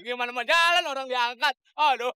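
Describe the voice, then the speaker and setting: A woman's voice: high-pitched, a little fast, noisy background, natural voice. A woman playing a street bread seller in a slapstick comedy, pleading and wheedling. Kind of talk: slapstick sitcom acting.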